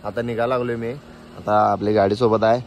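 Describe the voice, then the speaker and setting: A young man, vlogging in a casual, chatty way and teasing with gentle coaxing, first at home and then outdoors on the road. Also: on the low side, level tone, fairly quick, slight background noise. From Kolhapur region, India. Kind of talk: casual vlog talk to camera.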